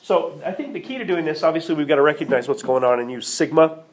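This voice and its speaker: Here a male instructor speaks quickly and animatedly at a fairly high pitch, leading his math class through a problem. He pauses to ask questions and check in, with occasional coughs and slight hoarseness, all captured by a tablet's screencast mic for a lecture recording.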